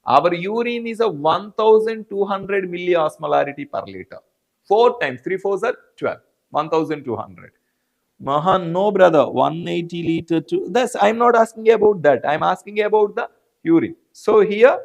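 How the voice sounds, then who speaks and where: Brief: higher-pitched Indian English male teacher, repetitive, calls students by name. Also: creaky. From South India. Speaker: biology teacher. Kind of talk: live online class.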